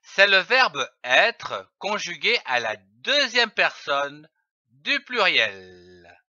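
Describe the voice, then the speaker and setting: A man leads a children's reading lesson at a very slow, careful pace, spelling out letters one by one before saying each syllable. His high, lively voice has a bright edge. The recording sounds dull, lo-fi and dry. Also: no room sound. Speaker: reading teacher.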